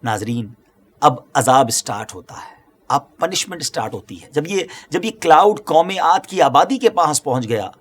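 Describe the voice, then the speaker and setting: A man's voice: fairly high pitch, breathy edge. A middle-aged man telling a religious story dramatically, slipping English words into his speech and putting rhetorical questions to the viewers.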